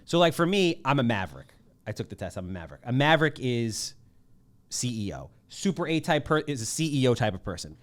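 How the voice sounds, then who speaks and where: A man hosts a casual podcast with a lively voice that swings up and down in pitch. He talks in an emphatic, joking way and often punches his points. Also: brisk. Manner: animated, emphatic, jokey. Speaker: podcast host.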